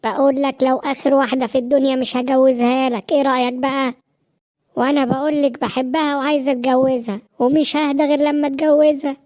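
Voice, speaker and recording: A woman's voice: high voice, little pitch movement, quick pace, darkish tone, lightly acted. A woman voicing a stubborn young man in a cartoon, pleading and insisting with an Egyptian Arabic accent. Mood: insistent.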